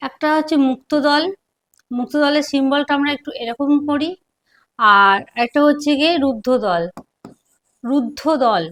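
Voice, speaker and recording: A woman teacher giving a lesson at a board, speaking slowly and repeating syllables aloud to show how they sound. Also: sits high, fairly bright tone. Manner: slow, repeats syllables to demonstrate pronunciation. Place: classroom with a board.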